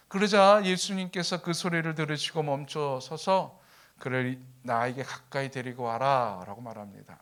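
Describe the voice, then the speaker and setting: A man's voice: medium pitch, a bit bright. A male pastor preaching a sermon in a conversational storytelling way, acting out the quotes in his story. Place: church, Friday evening service.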